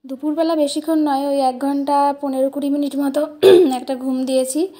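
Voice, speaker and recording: Young bengali woman vlogging her day, high mellow voice, bit of background noise. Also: fairly even intonation, brisk. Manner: chatty, describes her day to viewers. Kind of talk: casual vlog narration.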